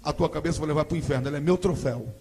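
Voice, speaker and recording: A man with a Brazilian Portuguese accent voicing a furious, clawed male demon, threatening slowly and deliberately in a sermon story. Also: on the high side, dark tone, a little hiss or hum, pitched below the performer's own voice, natural voice. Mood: menacing.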